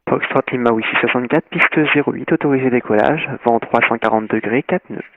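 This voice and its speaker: A man working as an air traffic controller, giving quick, terse clearances in clipped radio phraseology, heard as a transmission through a pilot's headset. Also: medium pitch. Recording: tinny phone-like radio line.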